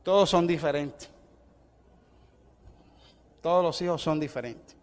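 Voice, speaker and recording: A middle-aged male pastor, preaching an evangelistic sermon. He swings from loud, rising declarations to soft, conversational asides. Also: a little high, unhurried. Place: church hall. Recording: long church hall reverb.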